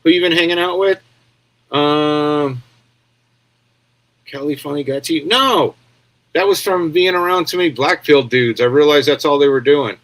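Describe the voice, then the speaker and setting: A man's voice: fairly high pitch, moderate pace, pauses often. A man hosting casual commentary on video clips, talking in a crude, rambling, sarcastic way with frequent "yeah?" tags. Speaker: commentary host.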